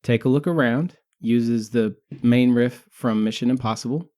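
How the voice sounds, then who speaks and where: Podcast co-host, man in his thirties, warm dark tone, teasing banter. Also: mid-range voice, normal speed. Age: 30s. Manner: joking, teasing banter with frequent laughs. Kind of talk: casual podcast chat.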